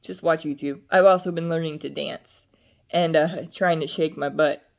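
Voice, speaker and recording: A woman's voice: low voice, fairly even intonation, normal speed, creaky. A young adult woman vlogging to camera in a rambling, chatty way, drifting between topics with frequent fillers. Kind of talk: casual talk to camera.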